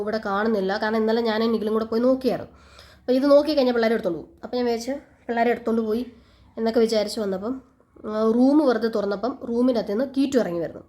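A woman, telling a lively story in a casual home vlog. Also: a little high. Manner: lively storytelling, talks to her pets. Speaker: vlogger.

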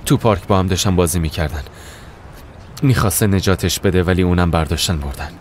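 A man playing a deep-voiced steady prosecutor. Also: slight background noise, close to an everyday voice. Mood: calm reassuring. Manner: soothing, reassuring, firm. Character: steady prosecutor father comforting his wife. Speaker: prosecutor, worried father. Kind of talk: dubbed TV drama.

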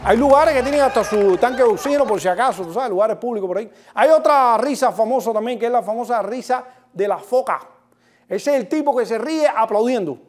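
High-voiced Cuban comedian man. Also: expressive, a little fast, a little hiss or hum. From Cuba. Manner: joking, addresses the audience directly; acts out different laughs. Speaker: comedian host. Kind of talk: stand-up monologue.

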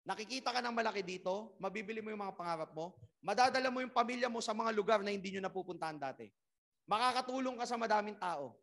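Bright high-voiced man giving a motivational talk. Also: fast talker, gravelly. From Philippines. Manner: rhetorical questions, loud emphatic rises. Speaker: network marketing trainer. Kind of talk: motivational orientation talk to a crowd.

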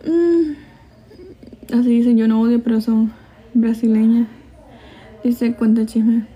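A woman's voice: fairly high pitch, fairly even intonation, takes it slowly, dark tone. A young woman from El Salvador with a Salvadoran Spanish accent tinged with Mexican, chatting casually on a livestream, gossipy and laughing easily as she answers comments. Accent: Salvadoran Spanish with some Mexican. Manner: reads viewer comments aloud. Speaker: livestream host. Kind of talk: casual live-stream chat.

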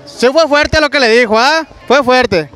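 A man's voice: very high-pitched, measured pace, pushed and bright, smooth, faint music behind. A young man with a Mexican Spanish accent hosting a street game at an outdoor market on a handheld mic, teasing the couple and hyping the crowd with slang. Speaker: street prank show host. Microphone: handheld microphone.

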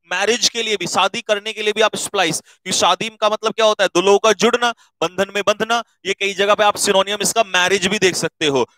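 A man teaching exam vocabulary, brisk and coaxing, repeating words so students can note them down. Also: high-pitched, sharp tone, no echo, rough recording. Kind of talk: exam-prep video lesson.

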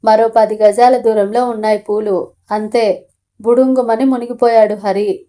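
A woman reads a novel aloud in a steady, even storytelling manner. Her voice is warm and mellow, set somewhat high for a woman. The delivery stays calm and unhurried. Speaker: audio novel narrator.

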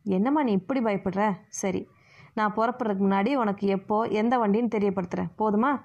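A woman's voice: medium pitch, fairly quick, a little mellow, lightly acted. A woman voicing an idealistic young daughter who speaks earnestly and pleads, recorded muffled and lo-fi. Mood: impatient.

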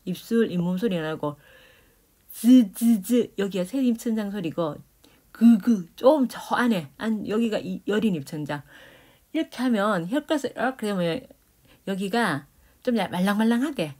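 A woman with a medium-pitched, slightly mellow voice and lively intonation speaks at normal speed in a lecture on Korean grammar and phonetics. She explains speech sounds, says consonants aloud as demonstrations, and checks in with her students.

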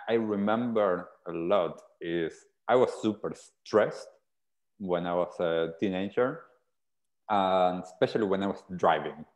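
A man in his thirties from Argentina speaks with a very low voice. He tells his story in an earnest, reflective way, as a guest on a video-call interview. The sound comes through small earphone mics in a small room. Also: a little mellow. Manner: earnest, reflective, gestures while talking. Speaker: podcast guest. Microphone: earphone headset on a video call.

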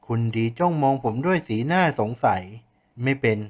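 A man reading a novel aloud in the first person, in a steady, plain storytelling manner. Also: on the high side, fairly quick. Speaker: audiobook narrator.

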